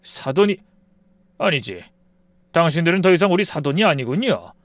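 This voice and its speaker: A man's voice: fairly high pitch, sing-song, moderate pace, dry recording. A man voicing a stern, protective father who speaks sharply and formally.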